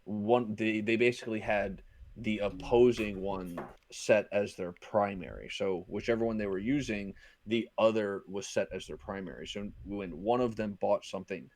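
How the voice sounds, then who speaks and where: A man's voice: on the low side, fairly even intonation, normal speed, a little mellow. A man on a live stream explaining something step by step in casual chat, with many "um"s. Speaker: guest on a stream.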